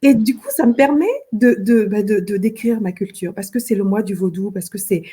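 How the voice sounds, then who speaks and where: A woman's voice: mid-range voice, moderate pace, mellow, slightly rough. A middle-aged woman from Benin, a fashion designer, talking earnestly in an interview and often repeating words as she searches for them. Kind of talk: interview conversation.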